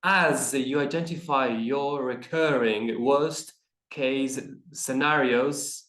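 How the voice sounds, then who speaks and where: Slow, careful man in an echoey room. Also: mid-range voice, a bit bright. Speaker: pronunciation student. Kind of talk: repeating phrases in a lesson.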